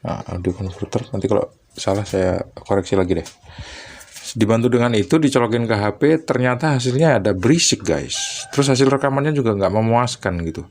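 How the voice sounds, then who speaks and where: A man's voice: on the low side, brisk. A man casually explaining audio equipment to his viewers, chatty and stopping now and then to recall details. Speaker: electronics tech vlogger.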